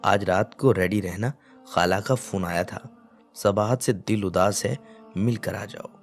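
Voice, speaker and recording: A man's voice: lowish voice, a little slow, soft background music. A man voicing a young husband who grumbles but dotes on his wife. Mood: affectionate. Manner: grumbling, affectionate.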